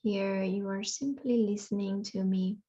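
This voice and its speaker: In this guided meditation, a woman teaching yoga nidra leads a relaxation with a dark, mellow voice whose pitch stays almost flat and whose tone is steady. Her soothing, unhurried phrases are spaced by long pauses, and the recording is dull.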